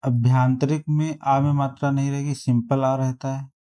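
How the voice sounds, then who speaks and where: A man teaching a spelling lesson, reading out quiz options and repeating each word slowly to compare them. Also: medium pitch, flat delivery, warm tone, smooth. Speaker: exam prep teacher.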